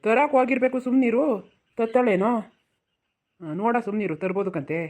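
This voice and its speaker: A woman's voice: a little high, lively intonation, a little fast, close to an everyday voice. A woman voicing a weary old village father-in-law in a cartoon, with a rural Mysore-region accent, pleading and placating. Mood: soothing. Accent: rural Mysore-region Kannada. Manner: pleading, placating, keeps saying hush.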